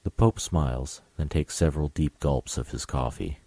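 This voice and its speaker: A man reading stage directions as narrator of an audio drama in a flat, matter-of-fact way. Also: a bass voice, moderate pace, slight background noise.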